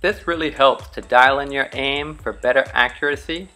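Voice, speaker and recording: A young man from the Bahamas, a charter fishing captain, calmly explaining spearfishing technique step by step in a voice-over. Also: medium pitch, normal speed, faint music behind. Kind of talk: instructional voice-over.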